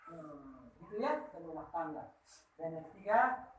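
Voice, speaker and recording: A woman giving lively, teasing marriage advice at a wedding ceremony, checking in with the couple with a constant "ya?". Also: sits low, normal speed. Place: marriage hall. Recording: very echoey hall, far from the mic, faint noise.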